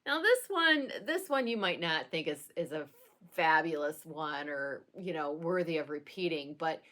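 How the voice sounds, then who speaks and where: A woman pastor talking casually to camera in a satirical vlog, with a dry, deadpan sense of humor and occasional laughing asides. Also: deep voice, normal speed.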